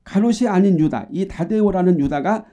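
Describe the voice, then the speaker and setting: A middle-aged man preaching earnestly as a pastor, moving between emphatic calls and quiet asides. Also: sits high, normal speed. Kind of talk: sermon.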